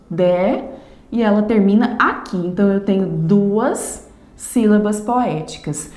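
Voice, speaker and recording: A woman teacher gives an online lesson, stretching words slowly syllable by syllable as she explains. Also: medium pitch, warm tone, reverberant.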